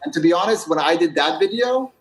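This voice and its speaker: A man's voice: a little high, animated, fast talker. A man chatting casually as a podcast guest, slangy, peppering his talk with "like", "right" and "bro". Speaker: podcast guest, video creator. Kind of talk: casual chat.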